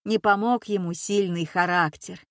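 A woman's voice: on the low side, steady tone, normal speed, fairly bright tone, no echo, studio quality. A woman voicing an ailing, bitter old grandmother who speaks in curt, grumbling, reproachful phrases. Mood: despairing. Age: older.

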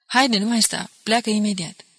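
A woman's voice: mid-range voice, fairly bright tone, slightly rough, pitched above the performer's own voice. A woman voicing a resolute young male soldier who takes command and gives firm orders.

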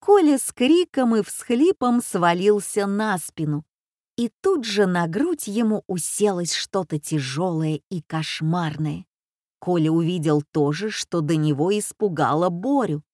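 A woman reading a children's story aloud in an expressive, dramatic way. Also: on the low side, a little slow, dry recording, studio quality.

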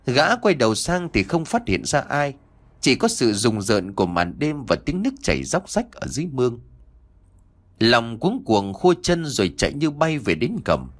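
A man narrating a dramatic story as an audiobook, in an expressive storytelling manner. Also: medium pitch.

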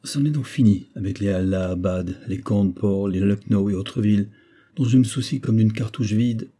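A boisterous, hunting-mad army captain from an audiobook novel, as a man reads him out. He bursts out his lines, higher and louder than the narration. The voice stays dark and husky underneath. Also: normal speed, natural voice. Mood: exuberant.

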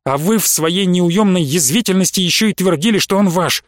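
A man voicing a calm, firm male army major who speaks in a measured, steady way. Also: high-pitched, no echo, clean studio sound, close to an everyday voice. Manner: measured, steady, stern when pressed.

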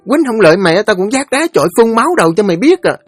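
A man voicing a foul-mouthed, shrill teenage village girl who screeches curses and fast threats. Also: sing-song, dry recording, soft background music. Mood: furious.

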